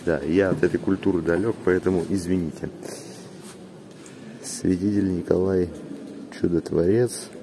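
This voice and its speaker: A man's voice: low voice, steady tone, normal speed, pauses often, noisy background. A man vlogging inside a large cathedral, with cathedral echo on his voice, hesitantly reading the signs aloud with filler sounds. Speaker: travel vlogger. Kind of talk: casual vlog narration, reading signs aloud.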